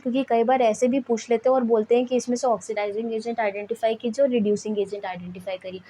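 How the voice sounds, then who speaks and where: A woman's voice: a little high, warm tone, a little hiss or hum, low-quality recording. A woman science teacher giving a lecture, who asks questions and then answers them herself, slipping into English phrases. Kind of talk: classroom lecture.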